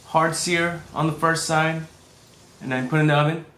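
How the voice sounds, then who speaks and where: A man's voice: fairly high pitch, fairly even intonation, normal speed, a bit bright. Echoey male chef explaining step by step. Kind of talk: casual cooking explanation. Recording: echoey room.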